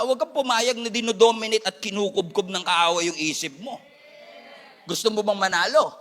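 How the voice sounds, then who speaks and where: Filipino male pastor, high bright voice, animated sermon delivery, teasing asides to the congregation. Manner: switches between Tagalog and English, jokes with congregation.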